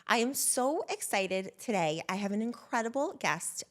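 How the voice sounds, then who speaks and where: A woman's voice: fairly high pitch, big pitch swings, normal speed, a bit bright. A woman hosting a podcast interview, effusive and enthusiastic with frequent fillers. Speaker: podcast host.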